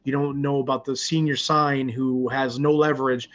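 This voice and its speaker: A man's voice: mid-range voice, little pitch movement, normal speed, fairly bright tone, muffled recording. A man in his forties, a nonprofit founder, answering interview questions casually with many fillers and restarts. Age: 40s.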